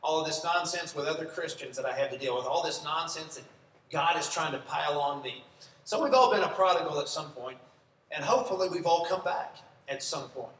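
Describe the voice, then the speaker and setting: A man's voice: a little high, brisk, fairly bright tone, a little hiss or hum. A man preaching a sermon in a church, speaking conversationally and asking the congregation questions. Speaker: pastor. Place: church sanctuary. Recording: echoey church room, from a distance.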